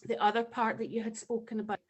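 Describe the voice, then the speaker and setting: A woman's voice: on the high side, little pitch movement, fast talker, rough recording. A woman with a Scottish accent speaking passionately and emotionally on a video call, sharing a personal testimonial. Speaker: webinar participant.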